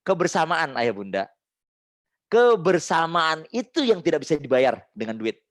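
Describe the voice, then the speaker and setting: A man's voice: on the high side, big pitch swings, normal speed, no room sound, clean studio sound. A man in his forties giving a parenting webinar lecture. He speaks animatedly, acts out little scenes and laughs at his own jokes.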